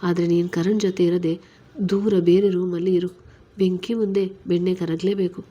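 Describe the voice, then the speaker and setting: A woman reading a story, voicing a caring middle-aged mother-in-law who gently reassures her daughter-in-law. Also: fairly low pitch, flat delivery, moderate pace, highs cut off, lightly acted. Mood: reassuring.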